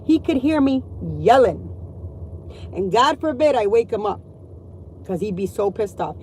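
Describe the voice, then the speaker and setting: Middle-aged mom vlogger, slightly high voice, blunt and foul-mouthed, exasperated rant; faint background hum. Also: female voice, lively intonation, unhurried, warm tone, rough recording. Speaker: mother venting to viewers. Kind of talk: ranting vlog monologue.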